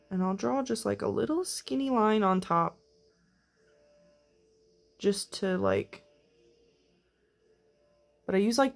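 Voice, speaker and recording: A woman doing a casual makeup tutorial, chatty and excitable, rambling between quiet asides and sudden bursts of enthusiasm. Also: medium pitch. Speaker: beauty vlogger. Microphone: camera mic while filming herself.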